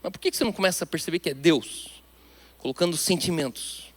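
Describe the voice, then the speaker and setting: A male pastor with a Brazilian Portuguese accent delivers a sermon in a fairly high voice. He preaches with emphasis, switching often between loud declarations and quiet, hushed asides. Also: quick pace.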